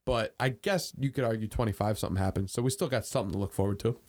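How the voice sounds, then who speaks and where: An early-twenties podcast co-host rambles through casual chat, packing in fillers and swearing. His voice is lowish, dark-toned, and very fast.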